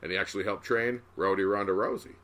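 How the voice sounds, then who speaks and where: A man co-hosting a podcast, chatting casually and excitedly recapping a wrestling match, swearing now and then. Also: sits low. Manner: excitable, swearing, quick bursts of enthusiasm. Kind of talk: casual chat.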